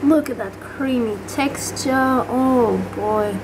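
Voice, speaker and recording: Slow and high-voiced, this twenty-something vlogger chats eagerly to a handheld camera while cooking in a cramped apartment kitchen, with background noise behind her. She's bubbly and tastes her food as she goes.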